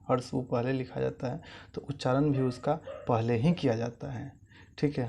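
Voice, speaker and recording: A young man with a gravelly, creaky voice teaches a language lesson. He explains each point patiently, says example words slowly and repeats them, often checking in with "okay". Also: medium pitch, darkish tone.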